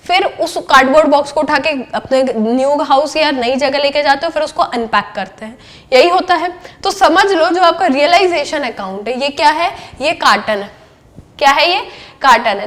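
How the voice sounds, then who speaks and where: A woman's voice: high-pitched, a bit bright. A young woman lecturing on accountancy, mixing English terms into her Hindi and asking her class questions that she answers herself. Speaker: accountancy teacher.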